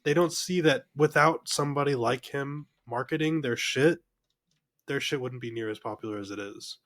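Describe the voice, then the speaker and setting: A man's voice: mid-range voice, normal speed, a bit bright. Blunt, opinionated man on a podcast. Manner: blunt, opinionated, swears freely. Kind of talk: casual podcast chat.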